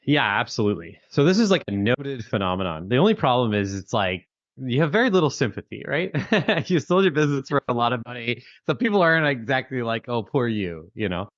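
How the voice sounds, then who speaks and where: A thirty-something Canadian startup founder, interviewed casually, talks fairly quickly in a sing-song, medium-pitched voice, chatty and prone to fillers and restarts. The recording is dry, dull, lo-fi call audio.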